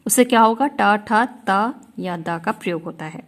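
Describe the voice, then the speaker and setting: A woman teaches a shorthand lesson at an unhurried, deliberate pace, with a pitch that sits in the middle of the range. She walks through each rule patiently and keeps checking that her listeners are following. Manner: slow, patient, often checks in with "ठीक है?". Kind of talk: explaining a lesson step by step.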